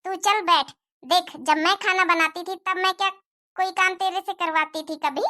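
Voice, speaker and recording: A jealous cartoon mother-in-law, as a woman voices her rants on and on about her son's wife. Her voice sits very high and rings bright and sharp, always scolding. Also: steady tone, moderate pace, no room sound, studio quality. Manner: scolding, complaining at length. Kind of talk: Hindi cartoon moral-story voice acting.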